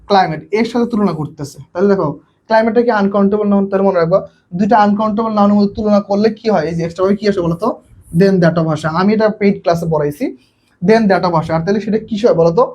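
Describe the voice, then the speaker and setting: A man's voice: high voice, darkish tone. A young Bangladeshi man teaching a live online English class, quizzing his students and repeating his questions.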